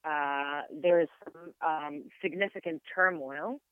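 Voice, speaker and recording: Over a tinny line that sounds like a phone call, an Israeli woman whose first language is Hebrew appears as an interview guest, her smooth, steady voice sitting low. She thinks aloud carefully, often stopping and starting again. There's no room sound, just a dry, close feel.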